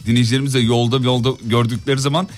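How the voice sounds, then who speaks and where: A man's voice: medium pitch, little pitch movement, racing. A man hosting a radio show, chatting comically and theatrically and acting out little exchanges. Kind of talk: comic phone-in chat with sponsor plug.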